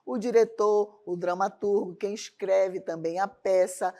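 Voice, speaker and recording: A woman's voice: mid-range voice, fairly even intonation, unhurried, dark tone. A woman teaching a televised arts lesson, often checking in with the class through rhetorical questions. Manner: asks rhetorical questions to the class, tag questions like "certo?". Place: lesson studio with a loom as a prop.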